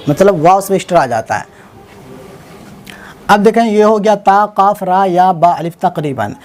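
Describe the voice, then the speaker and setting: A man teaching Urdu script online, spelling out each word slowly letter by letter and checking in often with the viewer. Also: high-pitched, a little mellow. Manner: slow spelling out letter by letter, repeating words; informal, self-correcting, many "theek hai na" check-ins. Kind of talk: online writing lesson.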